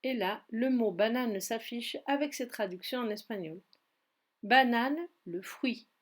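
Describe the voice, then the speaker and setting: A woman's voice: fairly high pitch, a little slow. Woman with a Spanish accent teaching. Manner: step-by-step, patient explaining. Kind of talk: screen-recorded tutorial.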